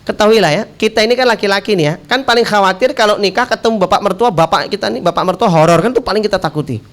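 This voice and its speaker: A man's voice: high-pitched, quick pace. A male preacher giving a humorous sermon, joking with the crowd and acting out dialogue. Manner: lively, jokey, acts out quoted dialogue, slips into Javanese.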